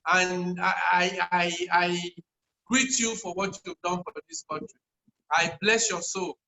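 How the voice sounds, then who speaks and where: A man's voice: high voice, steady tone, measured pace, pushed and bright, slight background noise, rough recording. A man hosting an online tourism meeting, effusive and repeating himself as he introduces a guest. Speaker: host of an online tourism session. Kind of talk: casual online meeting host.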